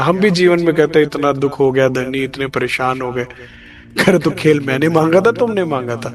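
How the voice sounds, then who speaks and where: A man giving a devotional discourse who chants verse lines slowly and then explains them, putting questions to his listeners and answering them himself. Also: medium pitch. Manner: speaks directly to listeners, asking and answering his own questions. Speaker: spiritual speaker. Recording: background music under the voice.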